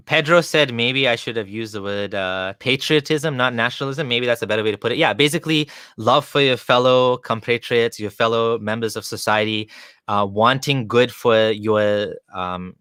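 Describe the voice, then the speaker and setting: Chatty male host with a bright, dry voice. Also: mid-range voice, normal speed, clean tone, no room sound. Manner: discursive, leans on "you know" and "like", argues points at length. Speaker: interview host. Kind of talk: conversational interview.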